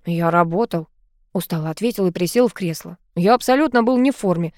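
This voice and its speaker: A woman's voice: mid-range voice, animated, fast talker, dark tone, no echo, studio quality, lightly acted. A woman voicing a weary young male court mage who speaks tiredly and curtly. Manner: tired, curt.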